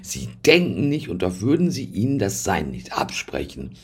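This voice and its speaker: A man's voice: low-pitched, wildly swooping pitch, moderate pace, breathy edge, heavily acted. A man voicing a matter-of-fact female neurologist, factual and questioning. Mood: challenging.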